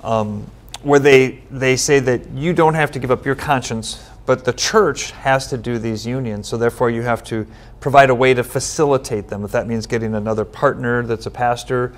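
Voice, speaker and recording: Seated at a studio table before a bookshelf backdrop, a middle-aged man from Minnesota who has long served as a United Methodist pastor answers interview questions as a guest. His explanations are steady and earnest, sprinkled with everyday fillers, in an ordinary pitch with fairly even intonation and a moderate pace. His words are captured clean and close.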